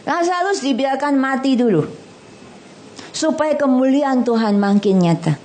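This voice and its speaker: A middle-aged woman delivers a lively sermon to a congregation in a hall, animated and blunt, joking in casual slang and repeatedly questioning the audience. Her voice is high-pitched and a little slow, with a touch of hiss or hum on the recording.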